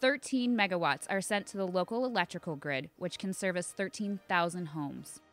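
A woman's voice: lowish voice, normal speed, fairly bright tone, faint music behind. A woman reading a scripted promotional narration as an infomercial narrator.

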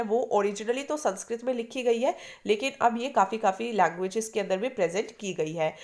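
A woman's voice: mid-range voice, a little mellow. An Indian woman teaching a history lesson for exam preparation in mixed Hindi and English, explaining patiently and asking her students questions.

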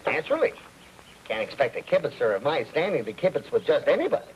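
A cocky wisecracking Brooklyn mechanic. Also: male voice, a little high, wildly swooping pitch, fast talker, a little hiss or hum, rough recording. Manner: brash, teasing wisecracks. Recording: 1940s film soundtrack with faint music.

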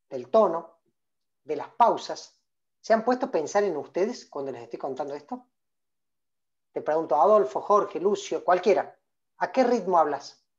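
A man's voice: on the high side, a little mellow, highs cut off. A man in his forties with a Rioplatense accent, leading an interactive online speaking workshop, asking questions and calling listeners by name. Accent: Rioplatense Spanish. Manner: engaging, calls on listeners by name, many questions. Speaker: public speaking trainer. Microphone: video call.

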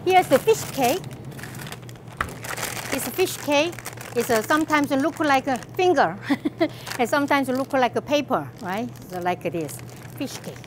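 A woman's voice: high voice, animated, unhurried, long pauses, noisy background. A middle-aged woman from Korea with a Korean accent, chatting enthusiastically as she walks through a grocery store and shows products to the camera. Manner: chatty, enthusiastic, laughs often. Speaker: cooking channel host. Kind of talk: casual shopping walkthrough. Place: large grocery store aisles, indoors.

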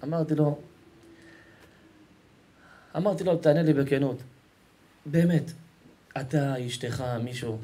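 Emphatic man preaching, higher-pitched. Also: long pauses, warm tone. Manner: repetitive, emphatic, keeps calling the audience to listen; colloquial and affectionate toward the crowd. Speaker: rabbi. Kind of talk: Torah lesson sermon to a live audience.

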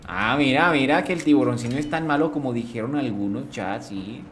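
A man's voice: medium pitch, fairly quick, a bit bright, slight background noise. A man streaming a game live, chatting casually. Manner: chatty, greets chat, slangy.

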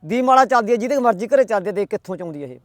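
A man voicing a proud young princess who gives sharp orders, in a spoken folk tale. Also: sits high, lively intonation, racing, dry recording, clean studio sound. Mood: commanding.

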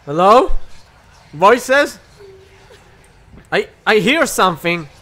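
A man hosting a horror game let's play on a desk mic with a pop filter, excitable, yelping and shouting at scares between jokey asides. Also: high voice, drawn-out words. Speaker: gaming channel host.

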